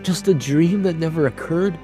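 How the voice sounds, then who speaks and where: A man's voice: on the high side, normal speed, mellow, soft background music, voice pushed up, natural voice. Man doing a heartbroken dreamer heroine. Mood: wistful lament. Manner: wistful, sweeping, lamenting. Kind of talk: dramatic reading over music.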